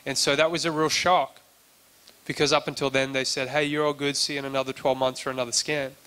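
A man preaching in an easy, chatty sermon voice, bright and crisp in tone. He tells his story with little rise and fall in pitch, acting out the lines he quotes. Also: little pitch movement, fast. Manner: conversational, acts out quoted dialogue, frequent restarts. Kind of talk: sermon testimony.

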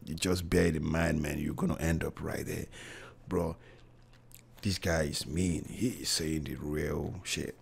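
A man's voice: very deep voice, steady tone, a little slow, vocal fry, a little hiss or hum. A man hosting a reaction video, chatting casually with slang and repeated exclamations. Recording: film music playing in the background.

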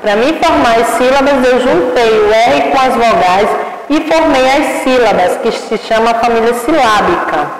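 A woman's voice: fairly high pitch, background noise. A woman teaching young children to read, sounding out syllables patiently and affectionately. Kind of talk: early literacy lesson for children. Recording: echoey room with long reverb.

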